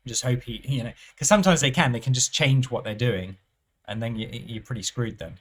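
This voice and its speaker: Man musing over live roulette. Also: medium pitch. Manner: musing, unhurried, trails off and restarts phrases. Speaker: roulette strategy presenter. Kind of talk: thinking-aloud commentary over live play.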